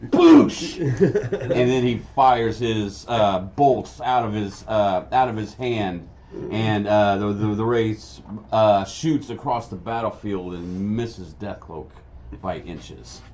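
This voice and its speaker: A man's voice: lowish voice, fairly even intonation, takes it slowly, a little mellow, slight background noise. A man chatting casually as host, rambling and storytelling about running tabletop games. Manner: rambling, many restarts, storytelling. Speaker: game master and crafting host. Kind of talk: casual chat. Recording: dull lo-fi sound, faint ambience.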